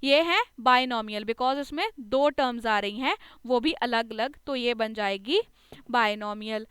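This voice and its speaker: A woman gives a patient, step-by-step maths lecture, slowing down to read each term aloud and checking in with her students. Her voice sits high, and the recording is close and dry with no room sound. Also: a bit bright, clean tone, dry recording. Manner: patient, step-by-step explaining, slows to read terms aloud, often adds a checking "okay". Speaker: maths tutor. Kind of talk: classroom lecture explaining maths.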